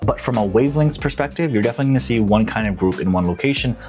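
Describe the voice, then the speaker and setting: A man's voice: fairly low pitch, animated, rapid-fire, darkish tone, faint music behind. Upbeat young man, slangy vlogger. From Nepal. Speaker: real estate agent. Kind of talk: casual promotional vlog.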